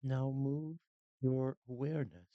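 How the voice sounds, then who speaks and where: Short phrases come very slowly from a calm meditation guide with a mid-range voice, each followed by a long pause, in a scripted piece meant for relaxation. There's no room sound, and the recording comes across as dry and somewhat dull.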